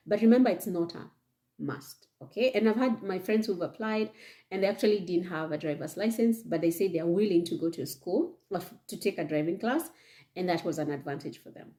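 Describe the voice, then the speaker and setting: With a lowish, warm voice, a young Kenyan vlogger offers chatty advice to the camera while seated before a leather chair in an indoor room. Her Kenyan-accented talk is full of check-ins like "okay?" and "yeah?".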